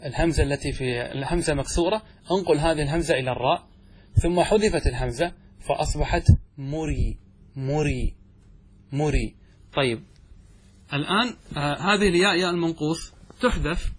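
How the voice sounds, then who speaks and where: A man teaching a grammar lesson in class, who asks the students questions and answers them himself and draws out his examples slowly. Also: fairly high pitch, a little hiss or hum. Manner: says examples slowly and drawn out.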